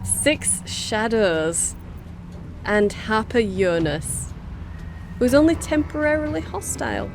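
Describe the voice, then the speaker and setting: A woman's voice: on the high side, lively intonation, takes it slowly, vocal fry, noisy background. A woman hosting a let's play, chatty and reactive, commenting casually and reading game dialogue aloud. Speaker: gamer, let's play host. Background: game music.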